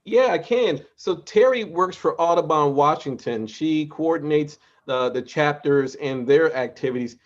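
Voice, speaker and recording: A man hosting a virtual bird walk, talking in a relaxed, reflective way with many fillers. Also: on the high side, unhurried, hardly any pauses, dull audio. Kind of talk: casual moderating.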